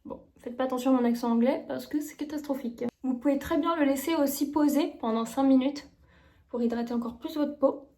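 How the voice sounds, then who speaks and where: Young female beauty vlogger, high-pitched and soft-toned, chatty and enthusiastic. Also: fairly quick. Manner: chatty and gushing about products. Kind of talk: casual chat, makeup tutorial.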